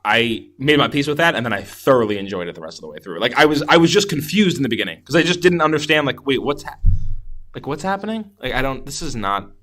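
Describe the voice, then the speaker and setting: Talking quickly in a mid-range, somewhat bright voice with a sing-song lilt, this man co-hosts a casual movie review podcast. He's enthusiastic and rambling, making repeated false starts as he chats.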